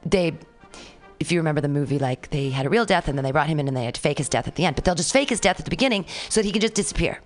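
A woman's voice: low voice, animated, rapid-fire, faint music behind. A woman in her forties chatting casually as a co-host, frank and crude, joking as she talks. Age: 40s. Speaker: podcast co-host. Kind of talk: casual chat.

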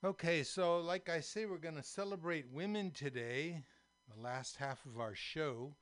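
A man in his seventies from San Francisco hosting a community radio talk show, slow and thoughtful with many fillers, in a radio studio. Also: on the high side, fairly bright tone, dry recording. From San Francisco, USA. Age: 70s. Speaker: radio host.

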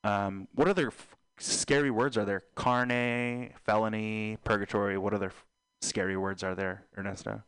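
A young man hosting a casual podcast, low-voiced and deadpan, drifting from one absurd joke to the next with trailing fillers. The sound is dry and close, with no room echo at all. He rambles rather than performs. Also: normal speed, clear, resonant tone. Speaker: podcast host.

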